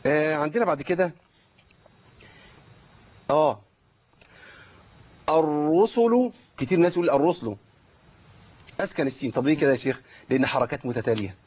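Fast-talking Egyptian Arabic tajweed teacher. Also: male voice, a little high, breathy edge, highs cut off. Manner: explains by asking and answering himself. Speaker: Quran recitation teacher. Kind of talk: tajweed lesson with recited examples.

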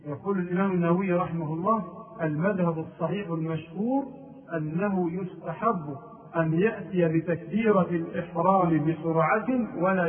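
Male religious teacher, high pitch, explains and chants the prayer call, heard thin and phone-like from some distance. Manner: demonstrates prayer-call phrases by chanting them. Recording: tinny phone-like distant sound.

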